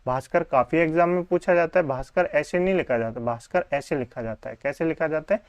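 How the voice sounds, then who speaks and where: Male tutor for an online lesson, slightly high voice, dry close sound, drills each point with a repeated question. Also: fairly quick, clean tone, no room sound. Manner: repetitive question-and-answer drilling. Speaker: Hindi teacher. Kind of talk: online exam-prep lesson.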